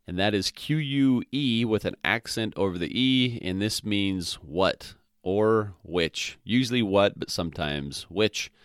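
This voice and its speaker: A man's voice: deep voice, fairly bright tone, smooth, no echo, clean studio sound. A man hosting a podcast that teaches Spanish, spelling out words letter by letter, repeating phrases and often checking in with "all right?". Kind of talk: slow, methodical language lesson.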